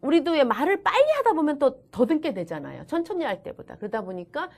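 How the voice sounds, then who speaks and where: Woman lecturer, bright-pitched and very animated, chatty delivery, acts out quotes. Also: quick pace. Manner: chatty, lively, acts out children's and teachers' lines. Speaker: online course lecturer. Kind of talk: recorded video lecture. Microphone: camera-recorded lecture.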